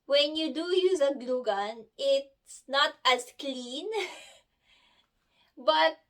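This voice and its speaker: A woman's voice: sits high, extremely slow. A woman in her thirties, giving a chatty, giggly crafting tutorial and correcting herself as she goes. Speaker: cosplay crafter. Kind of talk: casual tutorial.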